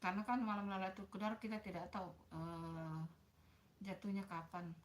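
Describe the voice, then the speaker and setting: A woman's voice: medium pitch, little pitch movement, moderate pace. A woman hosting a casual livestream, chatting with viewers, greeting them by name and apologizing often. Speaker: livestream host.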